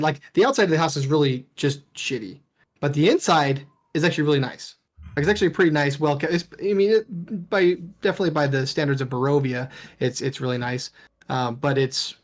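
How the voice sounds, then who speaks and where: A man narrating as game master of a tabletop game, in a casual, rambling way. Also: a little high. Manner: casual, rambling, with many fillers.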